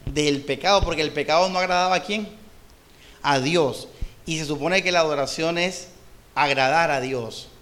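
Colombian male pastor with a fairly high voice, teaching sermon, asks questions and answers them himself. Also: fairly bright tone. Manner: poses rhetorical questions and pauses for the answer; reads scripture aloud, then explains it. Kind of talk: expository sermon.

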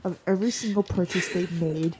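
A young woman with a slightly low voice co-hosts a laid-back podcast. She chats casually and jokingly, tossing out rhetorical questions. It comes across as a remote call recording. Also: steady tone, a little fast, background noise. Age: young adult. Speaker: podcast co-host. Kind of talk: casual chat.

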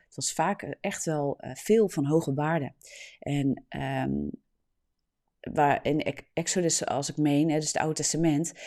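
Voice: mid-range voice, warm tone. A preacher giving an earnest, explanatory sermon, often adding a questioning tag to sentences.

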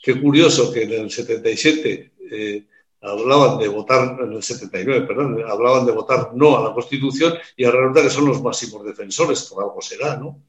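A man's voice: mid-range voice, fairly quick. A man hosting a radio interview, posing a wry, leading question. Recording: distant roomy lo-fi audio.

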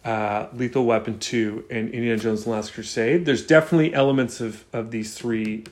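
A man's voice: mid-range voice, fairly even intonation, fairly quick. A man hosting a podcast, talking casually about films with many restarts and fillers. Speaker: podcast host. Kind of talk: casual film chat.

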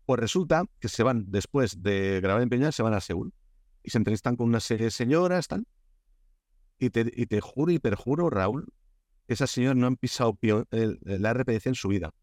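Recorded in a studio with no echo, a man from Spain talks fairly fast in a medium-pitched voice with a Spanish accent. As a Korea expert guest on a casual podcast, he spins lively stories full of restarts and filler words.

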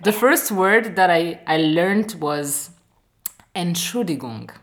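Low-voiced woman with a Burundian accent. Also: animated, slow pace. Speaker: radio show participant telling her story. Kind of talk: casual conversational storytelling.

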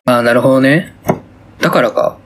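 A man's voice: medium pitch, fairly quick, a little hiss or hum. A young man co-hosting a casual podcast livestream, reacting with teasing remarks and laughs. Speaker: podcast co-host.

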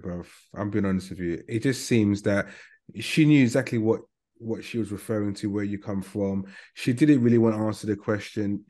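A man's voice: on the low side, a little mellow. A man with a London accent in a heated podcast debate, blunt and dismissive, talking over the others.

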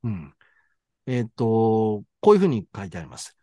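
Kansai man, podcast co-host, lively swinging delivery, dry close mic. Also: fairly low pitch, normal speed, no room sound. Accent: Kansai Japanese. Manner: animated storyteller, reads passages aloud. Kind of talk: casual book chat.

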